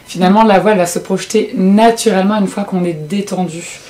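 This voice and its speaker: Mellow-voiced woman interviewer. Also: medium pitch, fairly even intonation, fast. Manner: attentive, frequent short agreements. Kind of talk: interview conversation.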